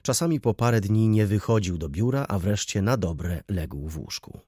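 A man narrating a novel aloud in a measured, expressive reading. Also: fairly low pitch, husky, dry recording, studio quality. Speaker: audiobook reader. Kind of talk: scripted narration.

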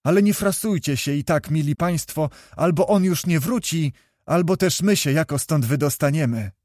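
A man voicing a lively, chatty young noblewoman in a read storybook, talking quickly like a chirping bird. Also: a little high, no room sound, clean studio sound, lightly acted. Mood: chirpy.

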